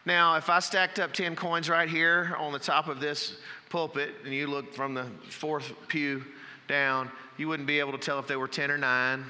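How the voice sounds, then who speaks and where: A preacher with a slightly high, very bright, ringing voice delivers a folksy story-sermon. His words carry a long hall reverb from the church sanctuary. He drops to a near whisper for emphasis. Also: flat delivery, moderate pace. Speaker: pastor.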